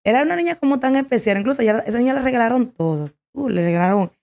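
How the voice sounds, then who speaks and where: Emotional woman giving a halting testimony. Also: fairly high pitch, expressive, gravelly, a little mellow. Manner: halting, emotional, with many restarts. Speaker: guest sharing a testimony.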